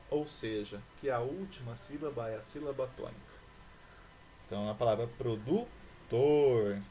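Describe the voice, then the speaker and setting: A man teaching a recorded class, patient and explanatory, who slowly draws out each word as he works through its syllables. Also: medium pitch, a little hiss or hum. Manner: patient and explanatory, stretching out words as he spells syllables. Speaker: school teacher.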